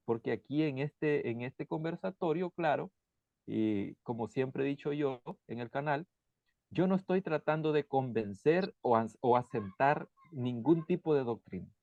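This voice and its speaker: A man's voice: medium pitch, no echo. Brief: male host, easygoing and plain-spoken, dry lo-fi recording. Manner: relaxed, plain-spoken, with restarts. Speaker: channel host. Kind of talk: casual conversation. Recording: dry, dull lo-fi sound.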